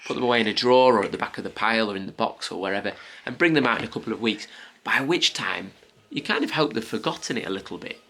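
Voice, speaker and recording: Bright-voiced man teaching a toddler phonics. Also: on the low side, fast. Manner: coaxing, simple questions and praise to a small child. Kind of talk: playful teaching talk to a toddler, with asides to viewers.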